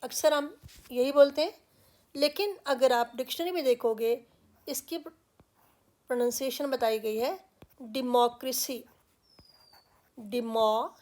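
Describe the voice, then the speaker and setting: A woman's voice: high-pitched, unhurried, long pauses, darkish tone. A woman from India with an Indian English accent, teaching English pronunciation patiently and repeating example words with care.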